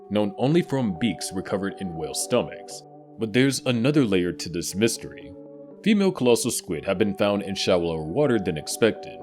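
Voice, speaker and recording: A man with a fairly deep voice narrates in the manner of a nature documentary. His scripted delivery is dramatic and measured, with very varied intonation. Music plays clearly behind him. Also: darkish tone. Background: music bed.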